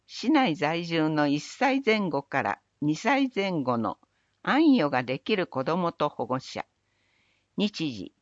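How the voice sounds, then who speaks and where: A woman reading municipal event announcements in a measured, even recital of dates, places and phone numbers. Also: low voice, dry recording, lo-fi sound. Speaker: city announcer. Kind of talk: scripted public announcement reading.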